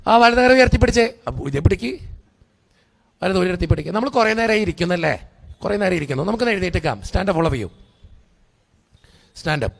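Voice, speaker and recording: Priest guy, high voice kinda gravelly, teasing the crowd, making them repeat stuff at a convention. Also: animated, moderate pace, pauses often. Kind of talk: lively sermon with congregation call-and-response.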